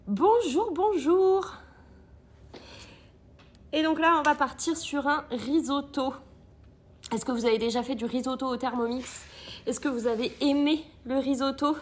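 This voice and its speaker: A woman's voice: high voice, fairly even intonation, normal speed. A woman hosting a live cooking stream from an agency kitchen, chatting with viewers, greeting them often and reading their comments aloud.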